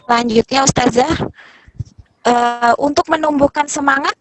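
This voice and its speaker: A woman's voice: high-pitched, steady tone, normal speed, poor audio. A woman moderating a question session, reading out audience questions politely and formally. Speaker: event moderator.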